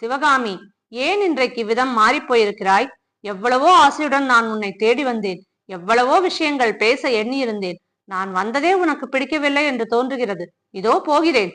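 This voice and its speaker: A woman's voice: fairly high pitch, lively intonation, moderate pace, fairly bright tone. A woman voicing a proud young prince who teases and then pleads with the woman he loves, in a storybook reading. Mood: pleading.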